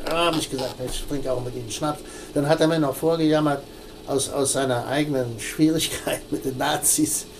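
An older man recounts his past in an interview, stopping and restarting often. His voice is gravelly. The recording has a clear layer of background noise. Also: mid-range voice. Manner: halting, many restarts and fillers. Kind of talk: recalled personal story.

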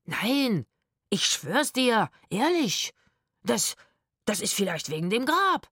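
A woman's voice: mid-range voice, very animated, slow, a little mellow, slightly rough, dry recording, studio quality, pitched above the performer's own voice, exaggerated voice. A woman voicing a whiny, fearful middle-aged male crook who stammers and frets, read as a storybook character. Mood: stammering scared. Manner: stammering, jittery.

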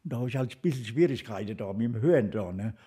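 A man's voice: medium pitch, lively intonation, fast, dark tone, slightly rough. A man, rambling through casual interview answers and repeating filler words. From Lower Franconia. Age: 80s.

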